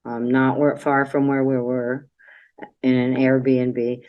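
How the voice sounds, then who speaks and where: A woman's voice: rumbling low, flat delivery, takes it slowly, muffled recording. A woman giving a casual, chatty slideshow talk about a trip, wandering from point to point with plenty of fillers. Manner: chatty, meandering, with many fillers. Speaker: presenter of a travel slideshow. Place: library meeting room.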